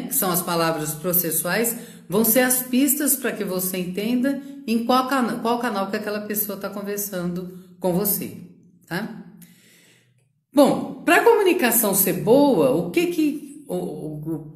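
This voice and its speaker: A woman's voice: mid-range voice, echoey room. A woman with a Brazilian Portuguese accent giving a live-streamed sales lecture, listing terms one by one and checking in with "ok?". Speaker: sales trainer. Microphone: phone on a social media live stream.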